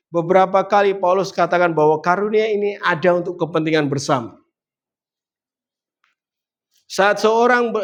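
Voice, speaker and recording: A man delivers a sermon in a high voice. He builds emphasis as he goes, lifting his voice on the key points. He turns to the congregation with direct questions as he preaches.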